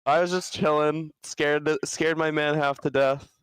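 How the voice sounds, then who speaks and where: A young man with a slightly high, smooth voice chats loosely among friends on a podcast. He laughs through his own stories and swears freely. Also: steady tone, normal speed, fairly bright tone, no echo, rough recording. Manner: laughs often while telling stories, swears casually. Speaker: podcast co-host. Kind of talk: casual chat.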